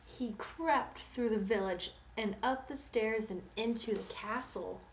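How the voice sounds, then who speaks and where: In an echoey room, a teacher reads a picture book aloud with a fairly high, unhurried voice, telling the story expressively and asking her young listeners questions. She's far from the mic, and the recording is muffled with a noisy background.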